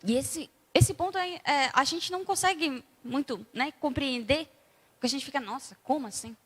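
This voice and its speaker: A Brazilian woman preaches in a casual, storytelling way, acting out each scene with lively energy. Her voice is high and bright. A long church-hall reverb trails behind her words. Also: moderate pace. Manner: conversational, acts out scenes animatedly. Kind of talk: sermon.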